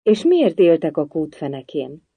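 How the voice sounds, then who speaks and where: A storybook reader voicing a curious, polite little girl who asks many questions, raised higher and louder. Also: very animated, husky, dry recording. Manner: eager questioning, timid at times.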